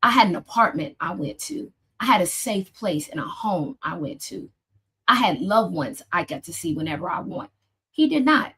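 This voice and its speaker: A woman therapist giving casual advice to her viewers, emphatic and direct, calling them "y'all" and jumping up in pitch when she drives a point home. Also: animated, moderate pace, fairly bright tone, breathy edge. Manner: emphatic, addresses listeners as "y'all", rises sharply when stressing points. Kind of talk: casual motivational talk.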